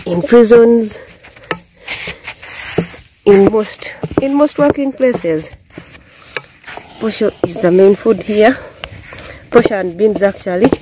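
Cooking over a wood fire among banana plants, a young Ugandan vlogger with a Ugandan accent talks viewers through each step in plain terms while she works, her voice mid-range. It's a casual village cooking demo filmed by a camera sitting on the ground, so the outdoor audio is noisy and her distance varies as she moves around.

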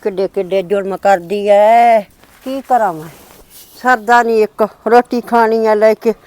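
A woman's voice: sits high, steady tone, a little fast, natural voice. A woman with a Punjabi accent playing a put-upon mother-in-law who grumbles about being overworked. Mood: complaining. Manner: plaintive, grumbling. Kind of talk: scripted family skit.

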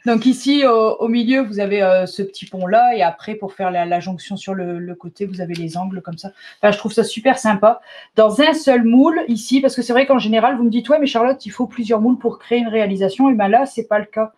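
A woman's voice: mid-range voice, darkish tone. Chatty woman demonstrating products live. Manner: chatty, enthusiastic, fills pauses with "hop" and "euh". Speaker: shop owner presenting new products.

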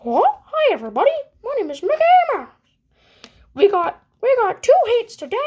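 A woman voicing a cheery male cartoon mouse in a high, giggly falsetto. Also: huge pitch swings, normal speed, darkish tone, heavily acted. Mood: gleeful.

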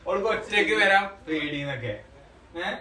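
A young man with a Malappuram Malayalam accent vlogs from inside a moving car, chatting casually and teasing with lots of questions. His voice is a little high and expressive at a moderate pace. Loud road noise and a loud crowd come through on poor audio.

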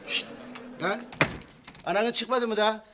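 An actor playing a hot-tempered middle-aged husband who shouts blustering threats in coarse slang. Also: male voice, high voice, fairly even intonation, measured pace, slight background noise. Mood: furious. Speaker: sitcom actor. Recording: studio audience laughter behind.

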